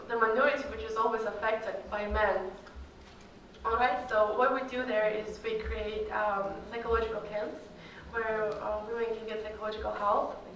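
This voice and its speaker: A young Kyrgyz woman, Russian by first language, comes back as an alumni guest and answers students' questions in a loose, filler-heavy way. Her voice is fairly high and a bit bright. The sound is roomy and distant from a large echoey hall, with slight background noise.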